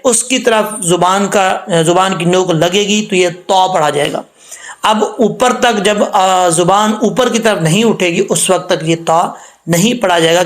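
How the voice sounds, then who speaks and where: A man teaching Quran recitation with tajweed, patiently repeating each rule step by step and drawing out the sounds when he demonstrates them, speaking with a lilt. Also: sits high. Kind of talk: tajweed lesson.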